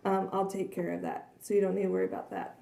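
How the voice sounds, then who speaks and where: A woman walks through a cleaning demonstration in a chatty, earnest way, slightly hoarse as she loses her voice. Her tone is soft and mellow. The sound rings around an echoey kitchen. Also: mid-range voice, flat delivery, fast. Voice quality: frequent throat clearing and coughs. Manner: chatty, earnest, many fillers. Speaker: product demonstrator. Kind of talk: casual product demonstration. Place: kitchen at home. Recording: echoey room.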